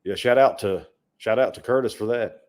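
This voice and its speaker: A man with a mid-range, darkish voice co-hosts a sports livestream podcast at a normal speed. He talks casually and conversationally, often repeating words when he wants to emphasize a point.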